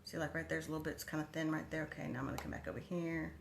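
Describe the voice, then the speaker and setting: Racing along in a steady, gravelly voice that sits low, a woman from Texas chats with viewers by name during her casual cooking livestream. She has a Texan accent, broadcasts from her home kitchen, and the background is noisy.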